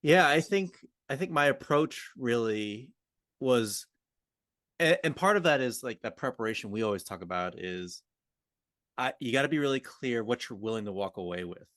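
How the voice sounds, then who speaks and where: This male co-host's expressive, fairly bright mid-range voice moves at a moderate pace as he chats casually and collaboratively on a podcast about roleplay and conversational coaching. Sound is studio quality with a dry character.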